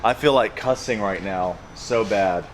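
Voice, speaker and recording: A man's voice: on the low side, a little slow, a little hiss or hum. Plain-spoken man vlogging on a handheld camera. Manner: plain-spoken, emphatic, repeats phrases. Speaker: landscaping business owner. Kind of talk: casual vlog talk to camera.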